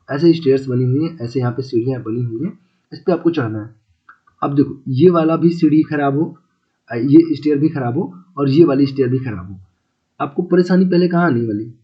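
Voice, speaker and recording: A man teaching a casual exam-prep Hindi lesson, repeating key words and asking listeners if they follow. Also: mid-range voice. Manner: repeats key words, asks checking questions; chatty, calls listeners brother and friends. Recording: slightly dull lo-fi audio.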